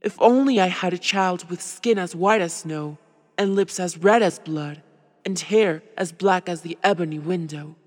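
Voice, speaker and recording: A woman's voice: fairly low pitch, normal speed, darkish tone, big-room sound, lightly acted. A woman voicing a vain, wicked queen in a storybook reading, commanding and haughty. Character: wicked vain adult queen, jealous and cruel.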